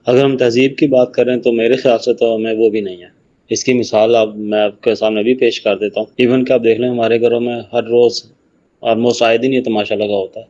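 A man's voice: lowish voice, mellow. A man giving a conversational talk on raising children, acting out scolding parents as examples. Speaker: parenting speaker. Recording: dull lo-fi recording.

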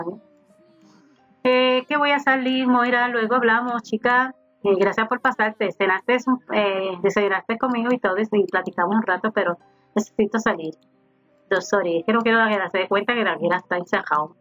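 A woman's voice: medium pitch, fairly bright tone. A woman giving casual let's-play commentary, chatting to her game characters as she plays. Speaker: gaming YouTuber. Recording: slightly dull home recording with faint game music. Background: faint game music.

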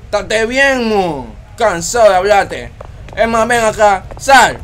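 A man giving let's-play commentary, excitable, yelling and taunting the game monster. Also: sits high, slow pace, a little hiss or hum. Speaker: gamer host.

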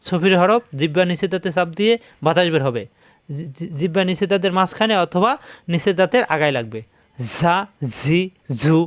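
A man with a Bangladeshi Bengali accent teaches recitation at a patient pace. His voice sits a little high for a man and comes across close and dry. He says each syllable on its own and leans on the hissing sounds. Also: lively intonation, no echo. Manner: repeats syllables slowly and carefully, stressing the hiss. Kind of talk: slow teaching, drilling letter sounds.

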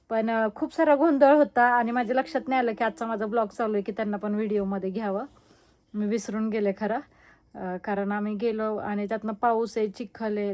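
A young woman, chatting casually in a family vlog and teasing the kids. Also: on the high side. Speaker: vlogger.

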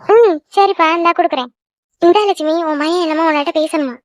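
A caring village aunt, voiced by a woman, coaxes and insists in a very high, fast cartoon voice. The recording is dry and somewhat dull. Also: dry recording. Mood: coaxing. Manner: coaxing, insistent. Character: caring middle-aged village aunt, persuasive. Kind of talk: cartoon voice acting.

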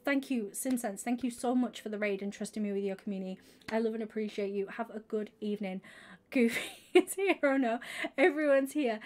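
A bubbly young woman chats casually while streaming her game, laughing often. Her voice sits a little high, and she greets her viewers with eager warmth. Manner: bubbly, laughs often, squeals when excited. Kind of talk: casual live-stream chat.

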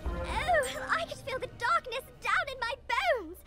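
A woman's voice: very high voice, very animated, unhurried, over music, exaggerated voice. A woman voicing a tiny, sweet, grateful fairy in a video game, with a dainty pixie manner. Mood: relieved, grateful. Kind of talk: video game character acting.

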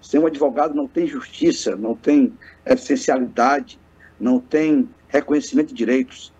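A man with a mellow, slightly rough mid-range voice talks at normal speed. He's a lawyer in his thirties from Piauí, Brazil, joining as a guest via webcam from an indoor office with bookshelves, earnest and formal in a speechlike manner, with frequent hesitant restarts. Muffled video call audio.

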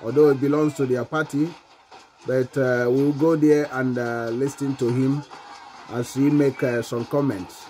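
A man's voice: mid-range voice, level tone, a little slow, dark tone, a little hiss or hum. A man, introducing a clip in a casual, hesitant vlog voice. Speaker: vlogger.

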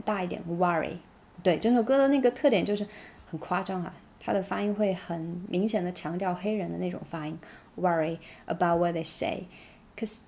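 A woman whose first language is Mandarin Chinese, teaching English song pronunciation in a casual tutorial and demonstrating lyrics slowly word by word. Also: fairly low pitch, darkish tone.

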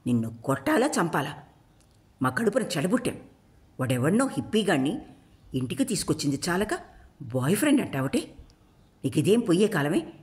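A woman's voice: medium pitch, sing-song, moderate pace, voice pushed up, close to an everyday voice. A woman storyteller voicing a furious middle-aged mother who screams and weeps at her daughter. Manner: screaming, tearful.

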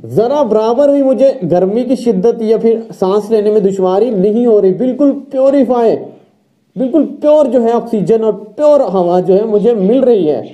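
A man's voice: sits high, lively intonation, moderate pace, warm tone. A man reviewing a product in a chatty, enthusiastic way, speaking through a face mask. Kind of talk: casual unboxing review. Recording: muffled, dull lo-fi sound.

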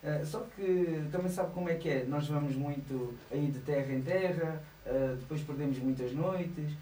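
A man's voice: fairly high pitch, moderate pace, dark tone, roomy sound, far from the mic, slight background noise, low-quality recording. A man in his thirties with a European Portuguese accent, a singer chatting as a guest in a small radio studio, laughing often and hesitating. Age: 30s. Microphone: studio mic, headphones on.

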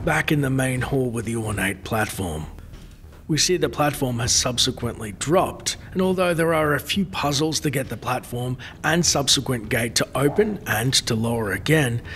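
Bright, forceful male game narrator. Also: mid-range voice, expressive, moderate pace, faint music behind. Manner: formal, literary phrasing. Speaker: narrator of a game lore series. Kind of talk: scripted dramatic story narration of gameplay.

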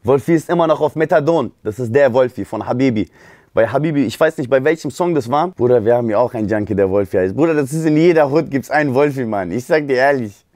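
A man from Germany, telling stories on a livestream in an animated, slang-heavy way. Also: medium pitch, fast, no room sound, clean studio sound. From Speyer area, southwest Germany. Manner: animated, street slang, frequent "Bruder" and "gell". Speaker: streamer and rapper. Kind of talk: casual livestream storytelling.

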